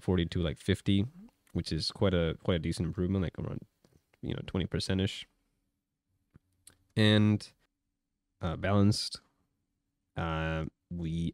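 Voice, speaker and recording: A man's voice: deep voice, darkish tone, dry recording. A man speaks. He gives casual, conversational commentary as he tests a gadget, often checking in with the listener. The sound is close and dry. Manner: conversational, talks through tests with frequent check-in questions. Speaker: tech reviewer. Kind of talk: casual hands-on gaming handheld commentary.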